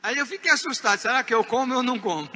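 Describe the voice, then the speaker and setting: A man with a Brazilian Portuguese accent delivers a church sermon in a strikingly high, sharp voice. He moves between quiet confiding remarks and shouted emphasis. A long hall reverb trails each phrase. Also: lively intonation, fairly quick, breathy edge. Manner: emphatic preaching, swinging from hushed asides to shouted points. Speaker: pastor.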